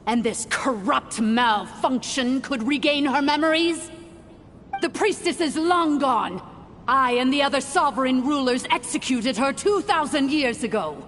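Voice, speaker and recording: A woman playing an arrogant, cruel dragon lord in a video game, speaking in a grandiose, contemptuous way. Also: high-pitched. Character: arrogant, cruel female almighty dragon lord, scornful villain. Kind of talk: theatrical video game villain acting. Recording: long echoing reverb, background noise.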